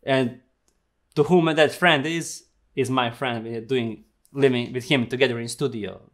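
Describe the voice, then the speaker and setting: A man's voice: mid-range voice, fairly even intonation, unhurried, fairly bright tone. A young man, a non-native English speaker, chatting casually and with plenty of swearing as the host of a reaction vlog. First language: not English. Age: young adult. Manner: profane, giggly, informal. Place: small home studio, indoors.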